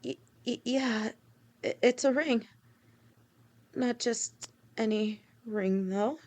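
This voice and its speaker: In a listener roleplay, a woman plays a devoted young lamia girlfriend with a snake tail, speaking softly to her partner. Her fairly high voice is nervous and tender, halting and sometimes stammering.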